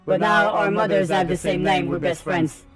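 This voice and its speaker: Over faint background music, a man in his thirties with a high voice provides gaming livestream commentary through a headset microphone. Jumpy and profane, he talks at a moderate pace to himself and his viewers.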